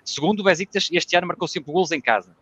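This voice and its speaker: Fast-talking European Portuguese football analyst. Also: male voice, high voice, fairly bright tone, breathy edge. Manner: analytical, lays out points in order. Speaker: football commentator guest. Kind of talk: casual football analysis chat.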